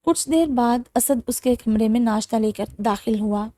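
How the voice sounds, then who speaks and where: A woman narrating a romance novel in a steady, dramatic audiobook style. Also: fairly high pitch, no echo, clean studio sound.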